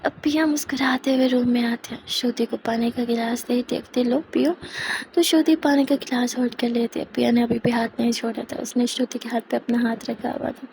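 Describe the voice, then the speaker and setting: Chatty woman storyteller, high voice, a bit of fry. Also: little pitch movement, brisk, hardly any pauses, darkish tone, slight background noise. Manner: chatty, addresses viewers directly. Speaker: storyteller, channel host. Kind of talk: casual storytelling narration.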